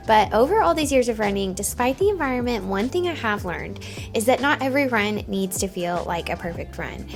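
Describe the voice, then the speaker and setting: A woman hosting a vlog, talking in a casual, conversational style. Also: medium pitch. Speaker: vlog host. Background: music.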